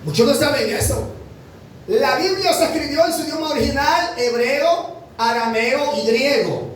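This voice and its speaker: A high-pitched man preaching a sermon from a distance, his voice ringing through a very echoey hall. He talks emphatically, throws rhetorical questions at the congregation and keeps calling them brother, with a faint hum of the room behind him. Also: animated, moderate pace.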